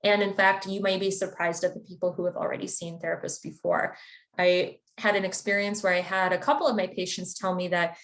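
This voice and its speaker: A woman's voice: on the low side, level tone, fairly quick, a bit bright. Woman therapist explaining in conversational tones. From Chicago area, United States. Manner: conversational and explanatory, with occasional fillers. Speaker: therapist presenting a wellness webinar. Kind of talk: informative webinar presentation.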